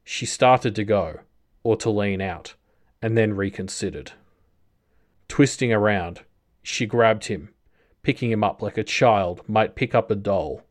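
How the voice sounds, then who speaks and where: A man reading a story aloud as narrator, in a slow, measured way. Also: lowish voice. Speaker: audiobook narrator. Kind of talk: scripted narration.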